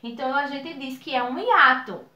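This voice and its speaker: A Brazilian woman teacher with a high, bright voice gives a slow video lesson to children. Her pitch rises and falls in a lively sing-song as she stretches out each example word. The room around her is echoey.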